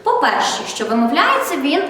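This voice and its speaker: A woman primary school teacher giving a first-grade literacy lesson, speaking slowly and clearly, asking questions and praising answers. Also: high voice, very animated, sharp tone, very echoey, big-room sound, far from the mic. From Ukraine.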